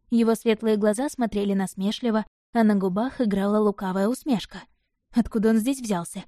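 A woman narrating a first-person audiobook in an even, measured storytelling manner. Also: medium pitch, dry recording, clean studio sound.

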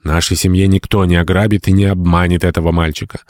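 A man's voice: deep voice, level tone, quick pace, darkish tone, no room sound, lightly acted. A fierce old baroness scolds with imperious bitterness in a raised voice, as a man voices her. The audiobook sound is dry and close to the microphone. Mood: angry. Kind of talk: audiobook character reading.

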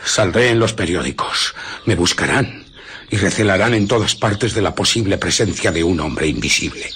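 An actor playing a menacing, domineering fugitive scientist who is invisible, speaking in threats and commands in a radio drama. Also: male voice, sits low, expressive, moderate pace, a bit bright, slightly rough, full character voice. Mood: brooding.

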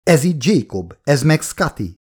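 A man's voice: medium pitch, big pitch swings, a little mellow, voice pushed up. A man voicing a nervous, awkward middle-aged male chemical engineer and father in an audiobook, with eager, fretful questions. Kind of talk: audiobook character voice.

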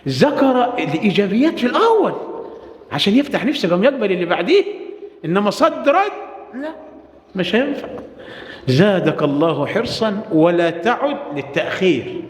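A man with an Egyptian accent preaching a Friday sermon, impassioned, asking rhetorical questions and stretching some phrases out slowly. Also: high voice, sing-song. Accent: Egyptian Arabic. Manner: impassioned, rhetorical questions, swings between drawn-out and rapid phrases. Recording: echoey hall reverb.

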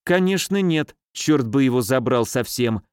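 A man's voice: lively intonation, unhurried, darkish tone, clean tone, no echo, studio quality, natural voice. A man reading an audiobook, voicing a fussy, easily frightened middle-aged woman nurse who talks in a mincing, scolding way. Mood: chatty. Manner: mincing, scolding, shrill when scared.

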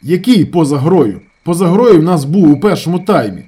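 A man voicing a hot-tempered young man who shouts coarsely and argues with his brother. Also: on the high side, sing-song, normal speed, husky, pitched above the performer's own voice. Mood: angry shouting.

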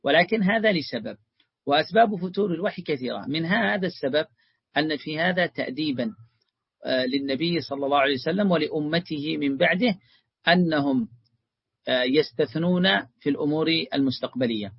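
A man's voice: on the high side, fairly quick, husky, dry recording, highs cut off. A man teaching a religious lesson, explaining a text and calling his students his beloved ones.

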